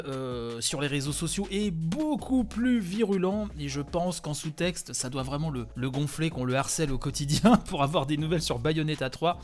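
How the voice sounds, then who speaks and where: Man, gaming news host, slightly high voice, chatty with fillers, faint music under. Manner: chatty, many "hein" and "euh" fillers. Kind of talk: casual news commentary.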